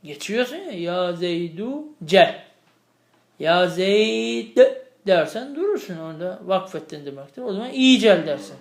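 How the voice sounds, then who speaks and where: A man's voice: high voice, lively intonation, a little slow, roomy sound. A male teacher lecturing on grammar, repeating each term and checking with students through questions. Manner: explains by repeating terms and asking students questions. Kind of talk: lecturing on classical Arabic grammar.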